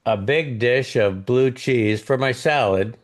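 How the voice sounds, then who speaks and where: A man's voice: mid-range voice, slow. A man co-hosting a podcast in casual chat, rambling and chuckling as he hands out a steakhouse quiz. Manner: rambling, chuckling, restarts phrases.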